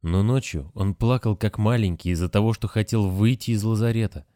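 Male audiobook narrator: warm, low, expressive, with a dry close sound. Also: a little fast, no room sound. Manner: expressive storytelling. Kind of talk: scripted narration.

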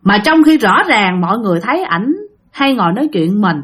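A woman's voice: medium pitch, big pitch swings, fairly quick, a bit bright, breathy edge. A woman with a Southern Vietnamese accent telling a ghost story in a chatty way, often addressing her listeners directly. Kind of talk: spoken ghost story narration.

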